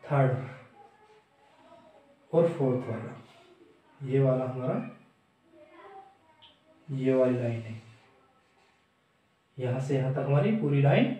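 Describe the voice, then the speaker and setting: A man teaching a blackboard grammar lesson, slowly repeating and sounding out letters aloud, in a classroom. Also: medium pitch, warm tone, distant mic. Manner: slow, repetitive, demonstrating sounds aloud. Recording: echoey room, voice from the mic.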